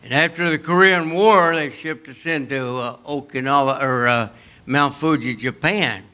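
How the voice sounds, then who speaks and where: A Kentucky man in his late eighties, speaking with a Kentucky accent, preaches a homespun sermon packed with personal stories. His mid-range voice moves at a moderate pace, and his manner is lively and chatty.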